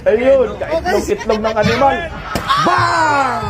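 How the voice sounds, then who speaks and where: A Filipino man doing laughing, mocking reaction commentary over protest footage, jeering and shouting exclamations. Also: extremely high pitch, animated, measured pace, a loud crowd, very noisy. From Philippines.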